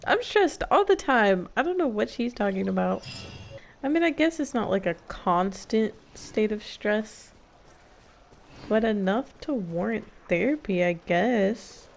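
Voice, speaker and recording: Over game music, a woman streams a game with casual, playful commentary, talking back to the characters. Her medium-pitched voice is animated and gravelly, and she speaks a little slowly.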